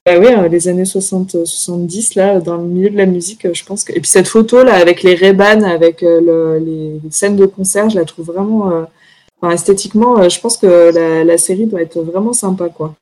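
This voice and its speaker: A woman's voice: lowish voice, steady tone, fairly quick, darkish tone. A woman co-hosting a casual chat show, talking with many hesitations and fillers and laughing often. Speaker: podcast co-host presenting series picks.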